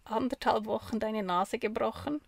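A woman's voice: on the high side, normal speed, gravelly, a crowd in the background. A woman co-hosting a podcast in casual, conversational chat. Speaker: podcast co-host. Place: small camper van used as studio.

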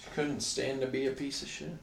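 A man's voice: medium pitch, flat delivery, brisk, vocal fry, distant mic, crowd noise. A man co-hosting a podcast in casual chat, sarcastic and joking. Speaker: podcast co-host. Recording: roomy echo.

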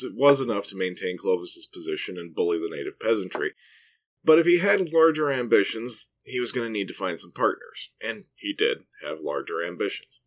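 A middle-aged man hosting a history podcast, reading scripted narration with dry, self-mocking asides. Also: deep voice.

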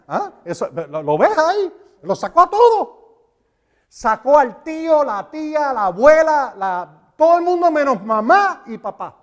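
A man preaching a sermon, animated and emphatic, repeating phrases for stress. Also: very high-pitched. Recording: reverberant hall.

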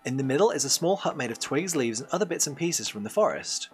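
A man's voice: mid-range voice, animated, fast, soft background music. A man hosting a podcast, reading an adventure game book aloud as game master, with hesitant, filler-heavy asides between passages.

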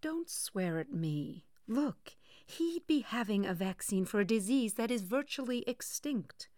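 An anxious, stubborn mother who speaks in cold, clipped, controlled tones, as a woman reader puts her on. It is a storybook part, quieter than the others. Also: on the high side, lively intonation, a little slow, no room sound, clean studio sound, pitched above the performer's own voice.

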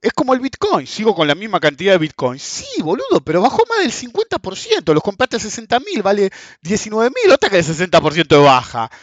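A man's voice: sits high, huge pitch swings, quick pace, few pauses, dry recording. A man in his forties with an Argentine accent, ranting bluntly and sarcastically to his followers about markets, with plenty of swearing. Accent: Argentine Rioplatense Spanish. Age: 40s. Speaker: finance commentator. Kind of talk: casual rant to followers. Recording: dull, dry, lo-fi sound.

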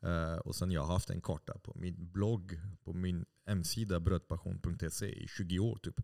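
Gravelly low man. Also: fairly even intonation, darkish tone. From France. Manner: passionate, explaining at length with many restarts. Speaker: podcast host and baker. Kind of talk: casual podcast conversation.

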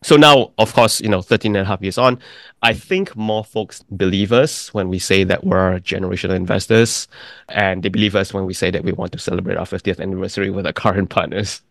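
A middle-aged man from Malaysia answers interview questions in a calm, deliberate way, listing his points in careful order. His voice sits fairly low. The sound is dry and close, with almost no room echo. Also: creaky. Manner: deliberate, explanatory, lists points in sequence. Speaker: investment firm founder, guest.

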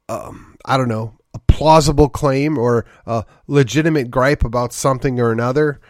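A man hosts a solo political commentary podcast, sounding congested from a sinus infection as he rambles wryly, sighing and giving short laughs. His voice is mid-range, and the recording is studio quality with no room sound.

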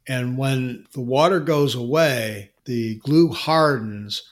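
Speaking slowly at a medium pitch, this podcast co-host answers a question from a listener. He keeps it casual and explanatory, relaxed in tone, though he frequently starts his thoughts over.

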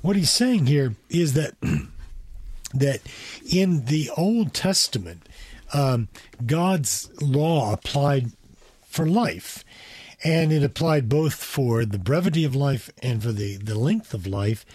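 A man co-hosting a Bible study discussion, explaining a passage in a measured, thoughtful way. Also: medium pitch, animated, a little mellow, slightly rough, no room sound. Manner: measured, thoughtful, with small restarts. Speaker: Bible teacher co-host. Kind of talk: conversational Bible study teaching.

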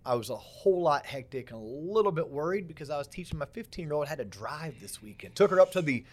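Higher-voiced middle-aged American man chatting. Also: lively intonation, fast talker, darkish tone. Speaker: podcast host. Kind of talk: casual, animated chat.

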